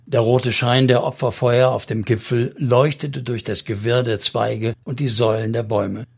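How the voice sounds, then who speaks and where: A man narrating a historical novel as an audiobook in a measured, literary way. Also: mid-range voice, flat delivery, creaky, slightly rough.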